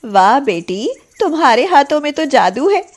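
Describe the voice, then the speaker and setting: Poor working mother, kind, caring, plain-spoken, high voice, cartoon. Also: very animated, normal speed.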